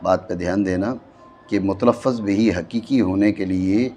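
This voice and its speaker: A man with a Pakistani Urdu accent teaching a classroom grammar lesson, explaining slowly and often checking that his students follow. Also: low voice, warm tone, muffled recording, slight background noise. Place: madrasa classroom.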